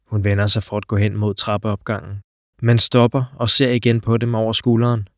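A man's voice: on the low side, monotone, no room sound. Man reading a story in a dry studio sound. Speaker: narrator. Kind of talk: audiobook narration.

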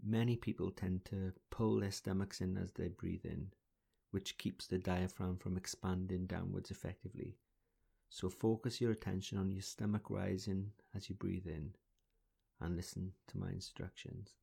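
A man leading a guided breathing exercise in a slow, soothing, deliberate voice, counting breaths. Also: sits low, little pitch movement, gravelly, mellow, husky. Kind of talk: calm guided relaxation exercise.

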